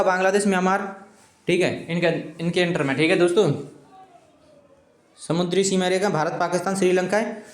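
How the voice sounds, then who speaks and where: Male coaching teacher, high-pitched, roomy echo, repetitive and chatty delivery. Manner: repetitive, keeps saying "okay friends"; pleading with viewers, informal. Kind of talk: exam coaching lesson.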